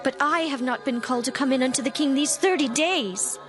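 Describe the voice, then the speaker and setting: Woman acting as high-voiced, resolute Queen Esther. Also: brisk, music in the background, close to an everyday voice. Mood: grave concern. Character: Queen Esther, dignified young biblical queen, grave and resolute. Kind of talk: dramatized scripture reading.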